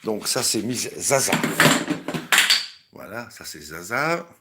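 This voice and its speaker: A man's voice: fairly low pitch, big pitch swings, takes it slowly, very noisy. A man hosting a casual home cooking live stream from his kitchen, rambling and chatting with his viewers and his pets. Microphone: camera on a hanging mount.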